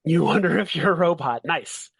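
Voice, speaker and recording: A man serving as game master narrates a tabletop game casually, his delivery halting and deliberate. His voice sits a little high and is gravelly and a bit bright.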